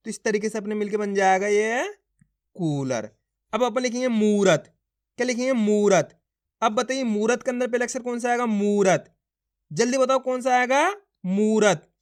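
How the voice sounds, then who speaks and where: A man teaching Hindi reading, sounding out words syllable by syllable and quizzing his viewers as friends. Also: sits high. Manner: addresses viewers as friends, urging them to try. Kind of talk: slow spelling-out lesson.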